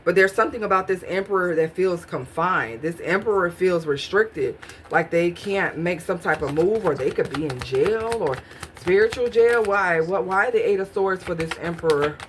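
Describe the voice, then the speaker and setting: A woman's voice: on the low side, normal speed, a little hiss or hum. A woman doing a casual tarot reading, musing aloud and questioning the cards as she pulls them. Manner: musing, talks to herself while pulling cards. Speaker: tarot reader.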